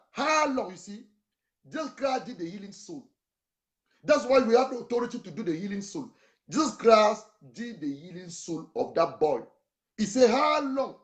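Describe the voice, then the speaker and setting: A man's voice: sits high, darkish tone. A male pastor preaching a sermon, switching between English and with dramatic emphasis.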